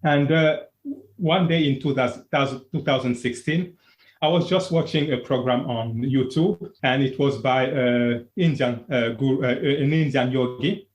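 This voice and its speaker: His voice mid-range, a Congolese wellness coach tells his story as an interview guest, plain-spoken and earnest, faltering and starting over at times. Reverb fills the recording.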